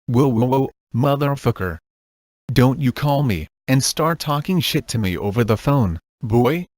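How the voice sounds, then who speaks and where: Man voicing a barking old granddad, gruff and bullying, dry close sound. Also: mid-range voice, animated, unhurried, darkish tone, dry recording, close to an everyday voice.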